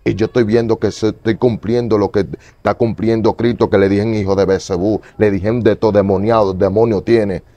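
A man in an interview giving a fervent, repetitive testimony, moving between loud pleading and low murmurs. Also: steady tone, fairly quick, no room sound, dull audio. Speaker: evangelist guest.

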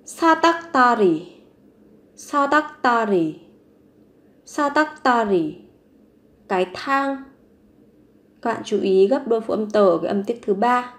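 Lady teacher going over vocab real slow, says every word three times, kinda high voice. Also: expressive. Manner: repeats each word three times, then explains it patiently. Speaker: language teacher. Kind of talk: vocabulary lesson, repeating words slowly.

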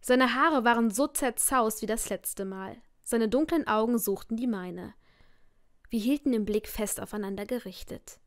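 A woman narrating a romance novel as an audiobook in the first person, with expressive storytelling. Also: fairly high pitch, normal speed, dry recording, studio quality.

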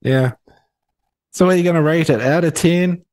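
A man's voice: a little high, moderate pace, a little mellow, dry recording. A man hosting a casual film review podcast, teasing his co-host with dry swearing and reading reviews aloud. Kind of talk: casual banter.

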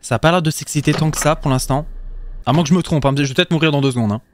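A man hosting a horror game let's play, excitable, swearing and laughing, yelping when frightened. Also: on the high side, rapid-fire, noisy background. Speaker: gaming video host.

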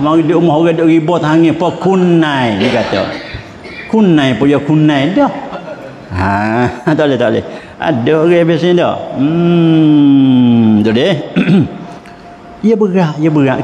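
Chuckling Pattani Malay preacher, echoey hall. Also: male voice, a little high, warm tone, lo-fi sound, slight background noise. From southern Thailand. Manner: anecdotal storytelling with frequent chuckles. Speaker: Islamic religious teacher. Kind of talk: humorous religious lecture. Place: mosque hall.

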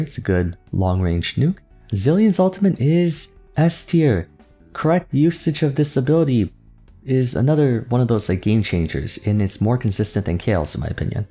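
A man hosting a gaming video in casual unscripted commentary, thinking aloud and changing his mind, his voice going hoarse. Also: medium pitch, mellow. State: losing his voice.

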